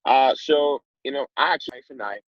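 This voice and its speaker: A man from Trinidad and Tobago, giving an earnest sales pitch on a conference call, often repeating his words. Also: fairly quick, dry recording. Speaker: business presenter. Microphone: phone. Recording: muffled dry phone-call audio.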